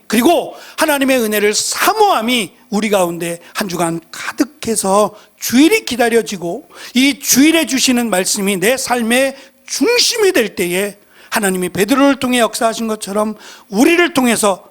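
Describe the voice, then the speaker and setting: A middle-aged man delivers a sermon as pastor, his voice sitting high and moving through a wide, lively range of pitch. He preaches earnestly and reflectively.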